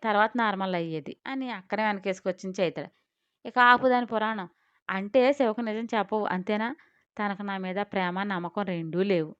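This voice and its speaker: Smooth-voiced woman telling a story. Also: medium pitch, dry recording, muffled recording. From India. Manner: lively, switches between playful and sulky character voices. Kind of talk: scripted narration with acted dialogue.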